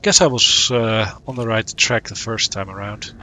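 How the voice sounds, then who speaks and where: A man's voice: on the low side, normal speed, sharp tone, slight background noise. A man streaming a puzzle game, thinking aloud in a casual, muttering way as he works through it. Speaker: gaming streamer. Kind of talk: casual let's-play commentary.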